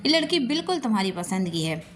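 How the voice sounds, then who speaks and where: A woman's voice: medium pitch, sing-song, fast talker, a little hiss or hum, natural voice. A woman reading as a cheeky young fiancée. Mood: teasing. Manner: cheeky, teasing.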